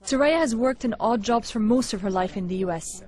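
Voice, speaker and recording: A woman reporter reading a scripted news narration in a measured, clear delivery. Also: fairly high pitch, darkish tone.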